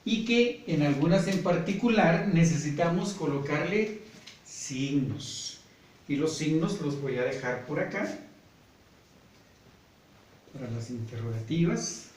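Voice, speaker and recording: A man with a Guatemalan Spanish accent teaching a grammar lesson slowly and patiently, often checking in with "¿verdad?". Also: a little high, expressive, darkish tone. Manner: patient, repeats points, often asks "¿verdad?". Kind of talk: slow classroom grammar lesson. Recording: echoey room, voice from far off, faint noise.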